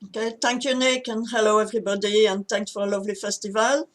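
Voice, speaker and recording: A woman from Belgium. She speaks softly to introduce a folk song, then leads its call-and-response chorus over a video call. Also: mid-range voice, fairly even intonation, quick pace. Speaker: folk singer. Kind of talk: folk song performance at an online sing.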